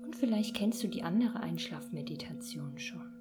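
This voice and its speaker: A woman hosting a podcast and gently guiding a children's sleep meditation in a soft, whispery voice. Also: lowish voice, animated. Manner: soft slow whispered guidance. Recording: meditation music and singing bowls behind.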